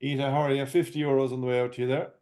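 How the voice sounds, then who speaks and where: A man with an Irish accent working as a bingo caller, reading out numbers and game updates in a measured, formulaic way. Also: medium pitch, level tone, dark tone. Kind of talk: bingo calling, numbers read digit by digit then whole.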